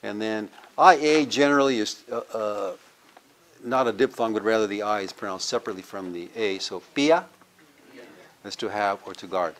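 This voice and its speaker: A man's voice: lowish voice, steady tone, fairly quick, fairly bright tone. An older man from California, a university professor giving a lecture, drilling word pronunciations and quizzing his audience. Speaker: university professor teaching Nahuatl. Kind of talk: classroom lecture with audience questions. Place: cultural center lecture room.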